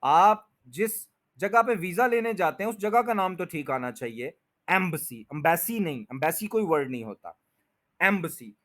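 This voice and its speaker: A man's voice: high-pitched, expressive, normal speed. A man teaching English pronunciation, patiently repeating each word and stretching its syllables. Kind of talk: pronunciation lesson explained in Urdu/Hindi.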